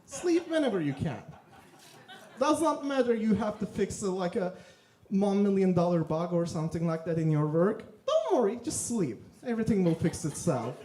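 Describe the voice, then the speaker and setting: This male comic from Turkey has a high voice and a Turkish accent. His deadpan delivery stumbles along with plenty of fillers, and the theater room around him is full of echo.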